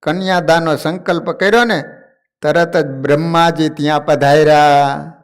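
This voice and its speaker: A man's voice: fairly high pitch, fairly even intonation, unhurried, clean tone. A man narrating a devotional story, animating the characters as he tells it. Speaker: religious storyteller.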